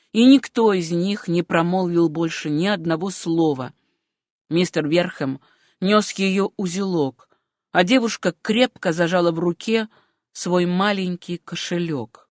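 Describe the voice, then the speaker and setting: A woman narrating a novel as an audiobook in a measured, literary manner. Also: lowish voice, no room sound, studio quality. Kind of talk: scripted narration.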